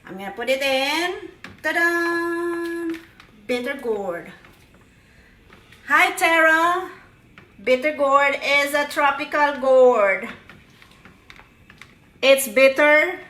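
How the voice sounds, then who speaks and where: Slow-talking playful woman in a kitchen. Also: sits high, a bit bright, distant mic, slight background noise. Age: middle-aged. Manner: playful, chatty, cheery exclamations. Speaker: home cook. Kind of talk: casual cooking vlog narration. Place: home kitchen. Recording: echoey room, voice from afar.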